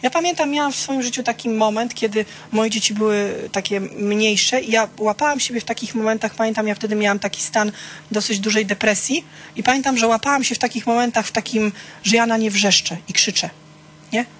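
A woman with a slightly high, fairly bright voice talks briskly over a little hiss or hum. She teaches a small church group conversationally, asking questions, calling people by name, sharing candid personal stories and checking in often with "tak?".

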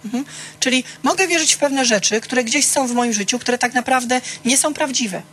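A woman's voice: sits high, normal speed, fairly bright tone. A woman teaching a small church group in a conversational way, asking questions, calling listeners by name and sharing candid personal stories. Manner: conversational, keeps checking in with "tak?".

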